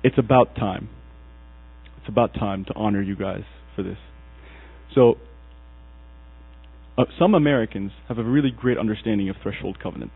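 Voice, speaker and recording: This Egyptian man's sermon unfolds as an animated story, with the people in it acted out in his fairly low voice. He speaks at a normal speed and pauses often, his husky tone heard over a tinny, dry, phone-quality recording with mains hum.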